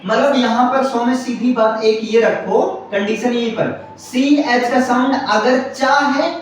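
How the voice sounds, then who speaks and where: A man's voice: extremely high pitch, steady tone, measured pace, a little hiss or hum. A male teacher giving a classroom grammar lesson, repeating his points, spelling words out letter by letter and often checking that students understand. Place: classroom with students answering together. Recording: very echoey classroom from far off.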